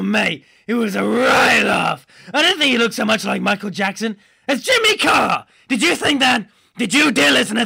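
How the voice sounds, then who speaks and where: A man playing a goofy, laddish male superhero in a comic podcast monologue, rambling and excitable, often breaking into shouts. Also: high voice, creaky, breathy edge, heavily acted.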